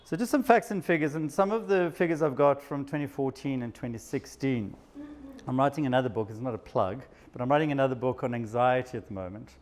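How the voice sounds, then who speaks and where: A South African man with a medium-pitched, slightly mellow voice speaks fairly quickly. He's a psychiatrist addressing a live audience in an event room, keeping things chatty and self-mocking with frequent laughter.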